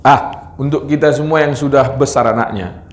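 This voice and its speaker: A man preaching a Friday sermon to a mosque congregation, lively, scolding and joking the crowd. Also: medium pitch, moderate pace, a little hiss or hum. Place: mosque hall. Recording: echoey mosque hall.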